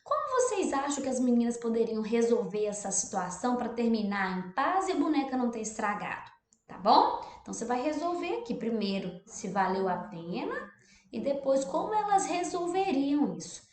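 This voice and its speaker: A Brazilian woman with a fairly high, very lively voice walks young children through a textbook exercise. She stretches out syllables and keeps checking that they follow. The recording has a noticeably echoey room sound. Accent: Brazilian Portuguese. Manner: lively, drawn-out stressed syllables, frequent "tá bom?" checks. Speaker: primary school teacher.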